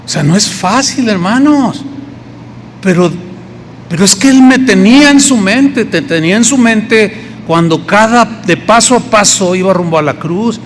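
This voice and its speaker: A man's voice: high-pitched, animated, measured pace. A man with a Mexican accent preaching a conversational sermon as pastor, acting out the people he quotes. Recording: long hall reverb, faint noise.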